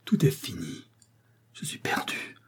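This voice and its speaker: A man's voice: medium pitch, animated, moderate pace, warm tone, breathy edge. Man voicing a terrified young ghost woman. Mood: despairing whisper. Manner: urgent, breathless pleading, sinking to a whisper. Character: frightened young female ghost, desperate.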